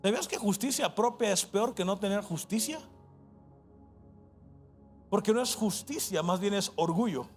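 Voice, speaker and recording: A man with a Mexican Spanish accent preaching a sermon as pastor, impassioned, switching between quick asides and slow, stressed phrases, and shouting at the peaks. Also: high-pitched, lively intonation, soft background music.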